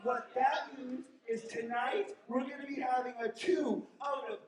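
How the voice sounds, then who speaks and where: A man cutting a theatrical wrestling promo, flamboyant and calling everyone darling, shouting lines out to the crowd. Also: extremely high pitch, steady tone, measured pace. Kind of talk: in-ring wrestling promo on a microphone. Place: indoor wrestling arena. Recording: echoey arena from far off, loud crowd.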